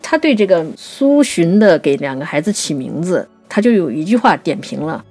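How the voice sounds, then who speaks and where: A writer who co-hosts a poetry programme discusses classical literature in a lively, expressive way, her voice on the low side and husky. She explains conversationally, then slows to a measured recitation for quoted lines, with soft music playing beneath.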